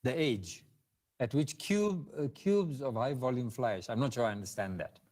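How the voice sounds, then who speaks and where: A man's voice: medium pitch, animated, normal speed, darkish tone. A man with a South African English accent giving a webinar lecture and answering questions, hesitant, with many fillers and restarts. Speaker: guest speaker.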